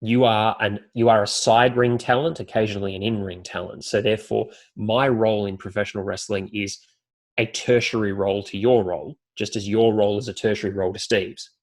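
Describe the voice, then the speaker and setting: An Australian man with a voice on the low side talks briskly, with fairly even intonation, in a podcast interview where he is a guest and announcer. He explains things articulately, building his points in lists.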